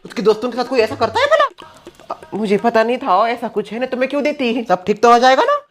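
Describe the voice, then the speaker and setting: A man's voice: very high-pitched, sing-song, fast talker, a bit bright, faint music behind, exaggerated voice. A man playing a naive, chatty young daughter-in-law in a comedy sketch. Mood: defensive.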